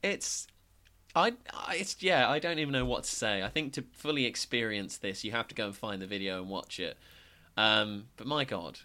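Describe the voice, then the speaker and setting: A man's voice: on the low side, moderate pace, bright, forceful tone. A man co-hosting a podcast, casual and exasperated, often stumbling over his words. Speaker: podcast co-host.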